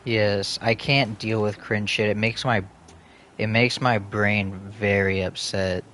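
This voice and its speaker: Low, flat-voiced swearing male streamer. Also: slow pace, a little hiss or hum. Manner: rambling, profane, joking. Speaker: game streamer. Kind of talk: casual chat while gaming.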